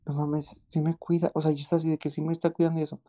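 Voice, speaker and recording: Excitable Mexican man with a mellow voice. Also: a little high, very fast. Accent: Mexican Spanish. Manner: excited, slangy, repeats exclamations. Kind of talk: casual chat, storytelling.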